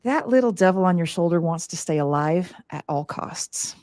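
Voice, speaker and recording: A woman's voice: on the low side, expressive, moderate pace, a little mellow, dry recording, studio quality. A woman speaking as an interview guest, explaining animatedly with lots of 'like' and 'you know'. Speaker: guest strategist. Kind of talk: conversational interview.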